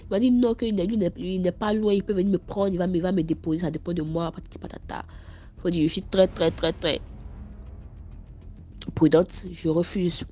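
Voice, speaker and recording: A young woman with an Ivorian French accent tells her own story in a casual spoken voice message, stammering and repeating words, animated and scolding. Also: fairly low pitch, normal speed, slight background noise.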